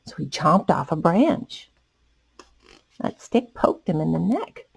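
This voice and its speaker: Reading a picture book aloud at children's storytime, a woman adds asides to her young listeners. Her voice is fairly low, slow, creaky and a little rough, and her delivery is animated.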